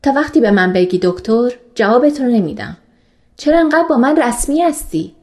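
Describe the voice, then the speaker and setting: A woman reading the lines of a calm, gentle male doctor in love, in a soft and reassuring manner, for an audiobook. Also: a little high.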